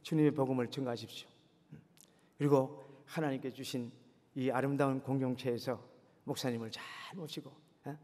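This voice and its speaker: A man's voice: mid-range voice, fairly even intonation, moderate pace, a little mellow. Man, preacher, sermon, earnest exhortation, rhetorical questions, long echoing hall reverb.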